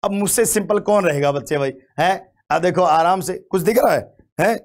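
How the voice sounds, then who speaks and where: A man's voice: sits high, normal speed. A man teaching English vocabulary in an online exam-prep lesson, playful and teasing, repeating words again and again and chatting to his students. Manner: addresses students as "bachche", chatty.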